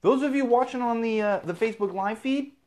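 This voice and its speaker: A man's voice: very high voice, fairly quick, a little mellow. A man from Southern California hosting a live feed, ranting casually and with exasperation, swearing freely. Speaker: podcast host.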